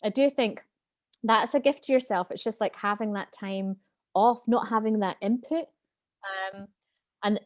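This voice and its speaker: A woman's voice: mid-range voice, unhurried, no echo, studio quality. A woman wellbeing expert talking earnestly and openly as an interview guest. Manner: earnest, open, animated. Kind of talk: candid interview talk.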